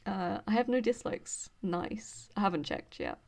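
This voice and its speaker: A young woman from Birmingham with an English accent, chatting casually with her live stream viewers in a hesitant, rambling way, full of fillers and quick laughs. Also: mid-range voice, lively intonation, gravelly, darkish tone. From Birmingham, England. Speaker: study stream host.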